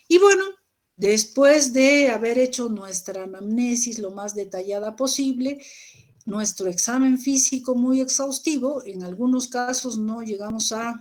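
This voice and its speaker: A woman's voice: a little high, a little mellow. A woman giving a recorded medical lecture, explaining patiently to students and often checking in with rhetorical questions.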